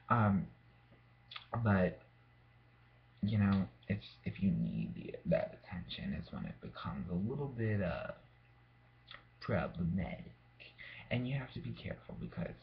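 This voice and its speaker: A young man in a casual, rambling rant, sounding tipsy and drawing out his words, recorded indoors at home. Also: lowish voice. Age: young adult. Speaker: vlogger. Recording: muffled lo-fi home recording, clear background noise.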